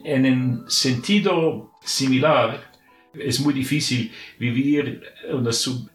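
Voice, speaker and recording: Slow, halting Austrian-accented man. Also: medium pitch, echoey room. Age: middle-aged. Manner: halting, non-native speech with searching pauses. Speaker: religious brotherhood member, communications director. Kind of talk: prepared spiritual reflection for a podcast.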